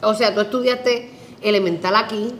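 A Puerto Rican woman in her forties hosting a talk show, loud and playful, laughing often and swearing for fun. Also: medium pitch, steady tone, normal speed, reverberant, a little hiss or hum. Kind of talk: casual interview chat. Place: bright studio with large windows.

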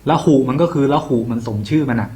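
A young male tutor, laid-back and slangy, coaching students for an exam as if he were their older brother. His voice sits at an ordinary middle pitch, and he keeps the tone loose and chatty. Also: quick pace, warm tone. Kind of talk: casual exam-prep lesson.

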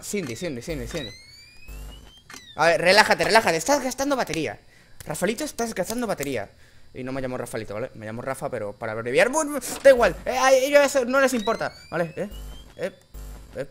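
A man from Spain with a Spanish accent commentates a horror game, swearing constantly and bursting into frightened screams. His voice is high, reedy, and a bit bright.

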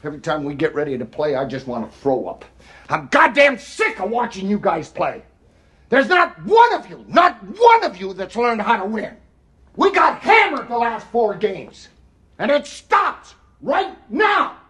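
An actor playing an exasperated middle-aged college basketball coach, giving a profane locker-room pep speech that swings from weary muttering to furious shouting. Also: male voice, fairly high pitch, lively intonation, fairly quick. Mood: disgusted, weary. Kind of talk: halftime-style locker room pep speech, film acting.

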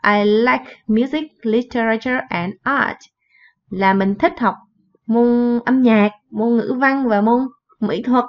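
A woman's voice: fairly high pitch, steady tone. A woman teaching an English lesson, reading phrases and repeating them in translation. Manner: explains slowly, repeats in translation. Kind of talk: bilingual classroom lesson. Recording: dull lo-fi recording.

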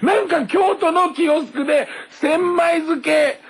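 Hosting a late-night radio show, a man tells a rambling, self-deprecating comic story into a studio microphone and laughs at his own jokes. His voice is very high-pitched and measured in pace, with a crowd audible behind him.

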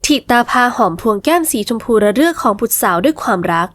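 A woman narrating a romance novel in smooth, scripted storytelling. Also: fairly high pitch, very animated, fast, no echo. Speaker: audiobook narrator.

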